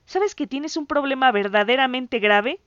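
A woman voicing an excitable boy who stammers and shouts insults at his friend. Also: high-pitched, normal speed, no echo, lo-fi sound, voice pushed up. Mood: furious.

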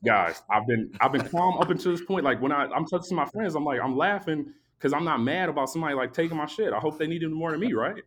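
A sleepy man hosting a podcast, telling a long story in a casual, animated, profane way and acting out both sides of the exchange. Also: a little high, quick pace, few pauses. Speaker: podcast host.

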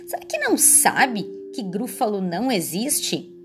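A woman's voice: medium pitch, sing-song, soft background music. A woman voicing a small, clever, boastful male mouse in a children's storybook reading. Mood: sly proud. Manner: quick-witted, proud storybook voice.

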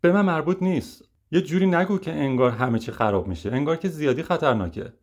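A man doing a pushy, high-voiced producer. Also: expressive. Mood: dismissive. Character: pushy, blunt male producer.

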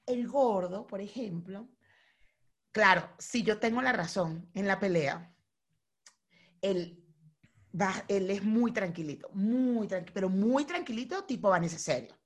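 A woman's voice: medium pitch, measured pace. A young woman with a Venezuelan accent, chatting casually and animatedly with a co-host. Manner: animated, repetitive, laughing often. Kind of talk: casual chat, acting out a mock argument.

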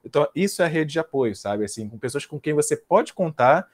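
A young man speaks fast in a slightly high voice, chatty and self-mocking. He is a guest in a relaxed podcast conversation and keeps a loose, joking tone. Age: 20s. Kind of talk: casual podcast interview.

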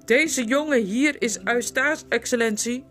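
A woman's voice: medium pitch, animated, unhurried, soft background music, lightly acted. A woman voicing a sleepy, flustered old male owl who hoots and mutters to himself.

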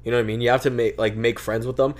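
A young man on a casual podcast, telling a long military story in an animated, profane, slangy way. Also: mid-range voice, rapid-fire. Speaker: podcast co-host. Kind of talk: casual chat.

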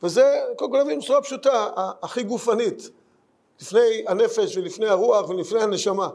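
Guy teaching talmud, fairly high voice with lots of gravel, earnest, asks questions back and repeats himself. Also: darkish tone. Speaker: Torah teacher. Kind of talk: Talmud lesson.

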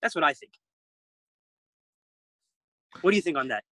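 A man's voice: a little high, expressive, moderate pace, fairly bright tone, no echo, rough recording. A man who is a guest entrepreneur, giving emphatic interview answers and repeating words as he builds his points.

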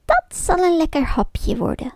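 A woman voicing a wicked, scheming old witch in a storybook reading, with a shrill, strained, airy voice and a sly, mocking manner. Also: huge pitch swings, measured pace, no echo, clean studio sound, heavily acted. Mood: gloating. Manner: sly and mocking, barking orders.

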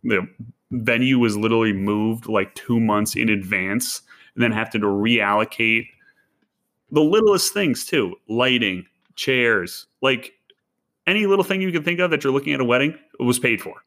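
A man in his twenties co-hosting a podcast, chatting in an animated, slangy way. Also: medium pitch, normal speed. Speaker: podcast co-host. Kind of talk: casual chat.

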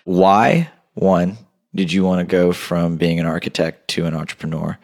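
A man's voice: deep voice, moderate pace, creaky, a little mellow. A man hosting a podcast, upbeat and enthusiastic, talking with a guest in an apartment. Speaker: podcast host. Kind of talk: casual podcast interview.

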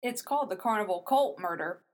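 A woman's voice: mid-range voice, animated, a little fast. Chatty, swearing young woman storyteller. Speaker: podcast co-host telling a true crime story. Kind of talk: casual storytelling chat.

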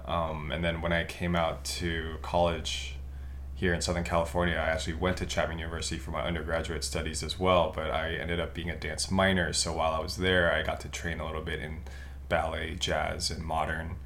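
A young man from Taiwan talks as a podcast guest in an earnest, reflective way, stopping to restart his thoughts. His voice is very deep, and faint hiss sits behind it. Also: completely flat delivery, a little fast, a bit bright. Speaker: podcast guest, physical therapist. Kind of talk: casual podcast chat.

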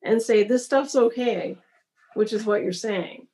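A woman's voice: fairly high pitch, measured pace, mellow. A woman in casual conversation, blunt and opinionated. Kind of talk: casual music chat. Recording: echoey room.

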